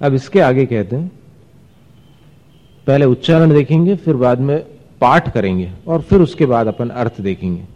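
Male religious teacher with a mellow voice, explaining verse pronunciation to a class, dull recording in a reverberant hall. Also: mid-range voice, animated. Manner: explains pronunciation, chants verses slowly, asks the class questions. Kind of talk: scripture recitation lesson.

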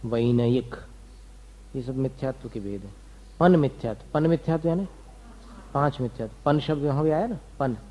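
A man lectures on religious doctrine in a warm, mellow voice. He poses a question to his class and then answers it himself, going through terms one by one so students can write them down. His pitch sits in an ordinary middle range. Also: normal speed, long pauses, rough recording. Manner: asks and answers his own questions, lists terms methodically. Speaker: religious teacher.

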